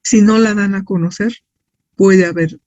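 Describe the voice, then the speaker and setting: A man's voice: sits high, fairly even intonation, measured pace, darkish tone, no room sound. A man with a Mexican accent lecturing as a science teacher, explaining didactically with rhetorical questions and checks for agreement. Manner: didactic, asks and answers own questions, often seeks agreement with tag questions. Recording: dull, lo-fi, dry sound.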